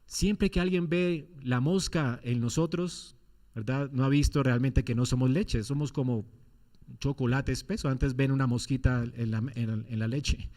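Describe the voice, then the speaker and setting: A man's voice: medium pitch, measured pace, warm tone. A man preaching a sermon as pastor, firing off rhetorical questions with emphatic swings in his delivery.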